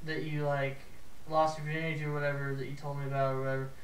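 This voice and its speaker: A man's voice: on the high side, completely flat delivery, fast, roomy sound, distant mic, a little hiss or hum, rough recording. Profane, heated man ranting off-mic. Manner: profane, heated, rambling with restarts. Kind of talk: casual ranting chat.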